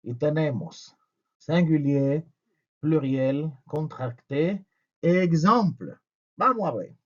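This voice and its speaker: A man's voice: a little high, highs cut off. A man teaching a French lesson with humor, asking and answering his own questions.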